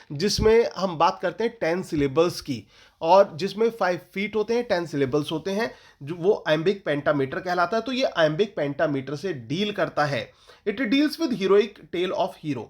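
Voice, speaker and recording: A male teacher with an Indian English accent gives an exam-prep lecture, slowly dictating English notes and then explaining them in Hindi with questions to the class. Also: high-pitched.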